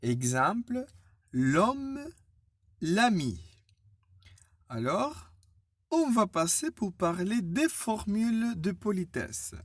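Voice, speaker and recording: Woman teacher for a beginner class, very slow and deliberate, lively pitch, dry close sound. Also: no echo. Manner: spells words out letter by letter, patient and deliberate. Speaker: French teacher. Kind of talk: slow, clear beginner language lesson.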